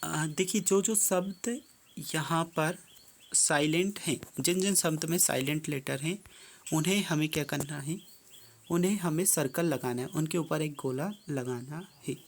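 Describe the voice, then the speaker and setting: A teacher going through a worksheet step by step, reading each English prompt slowly and then explaining it in plain terms. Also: mid-range voice, a little hiss or hum.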